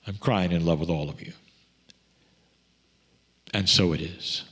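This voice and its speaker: A man's voice: sits low, fairly bright tone, breathy edge, heavily acted. A man channeling a tender spirit being. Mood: tender solemn. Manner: slow, tender, solemn address. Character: loving spirit entity speaking through a channeler. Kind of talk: channeled message.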